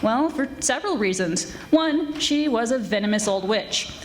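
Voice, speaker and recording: A woman playing a witty, tough private detective in a 1940s-style radio drama, with brisk wisecracking narration. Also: fairly high pitch, lively intonation, slight background noise, natural voice, low-quality recording. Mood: explanatory.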